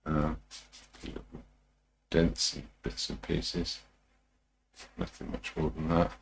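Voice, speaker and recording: A man talking through a live demonstration as a painting instructor, informal and unhurried, muttering his thoughts to himself as he works. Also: rumbling low, monotone, gravelly, a little hiss or hum. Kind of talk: TV painting instructor style, musing aloud while demonstrating.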